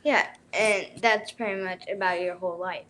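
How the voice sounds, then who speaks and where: A woman's voice: medium pitch, fairly even intonation, moderate pace, a bit bright. A woman co-hosting a casual travel chat, talking loosely with lots of filler words like "like" and "literally". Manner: casual, uses "like" and "literally" a lot. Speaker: co-host.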